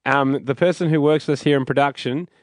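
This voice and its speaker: A man with an Australian accent hosting a radio show in casual banter, jokey and quick to laugh. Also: medium pitch, steady tone, no echo, studio quality. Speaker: radio host. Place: radio studio.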